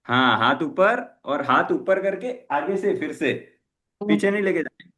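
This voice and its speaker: A man's voice: a little high, lively intonation, measured pace, pushed and bright. A man coaching a live jump rope class, mixing Hindi and English and repeating short commands. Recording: echoey room.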